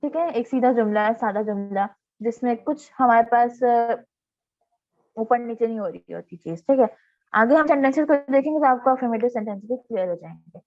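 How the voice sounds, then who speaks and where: A woman teaching an online grammar class, explaining patiently and reading examples slowly. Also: a little high, animated, no room sound. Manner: patient explaining, reading English examples slowly, frequent "theek hai" check-ins. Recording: tinny phone-like online class audio.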